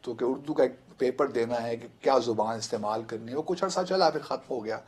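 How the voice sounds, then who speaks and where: A man from Pakistan, an analyst on a television talk show, explaining at length in a measured way with hesitant fillers. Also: medium pitch, darkish tone. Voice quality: husky. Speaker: studio analyst guest. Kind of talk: talk show political discussion.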